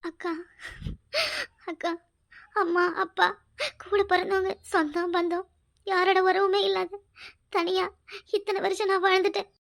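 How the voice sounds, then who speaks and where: A woman in a cartoon voices a young woman with a very high, almost childlike pitch. Her lines come out pleading and tearful, with frequent catches in the voice. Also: level tone, a little slow, vocal fry, long pauses, a bit bright. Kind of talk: cartoon voice acting, several roles.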